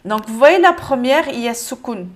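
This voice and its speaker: Une femme qui donne un cours de lecture avec patience, en répétant lentement chaque mot. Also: female voice, fairly high pitch, animated. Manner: patient, repeats each word slowly. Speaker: Arabic reading teacher. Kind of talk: step-by-step lesson.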